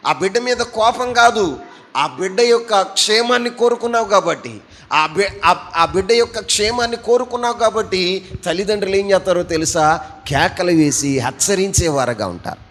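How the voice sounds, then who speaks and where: A man preaching a sermon as pastor, fervent, asking the congregation questions and swinging between loud and soft. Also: sits high, moderate pace.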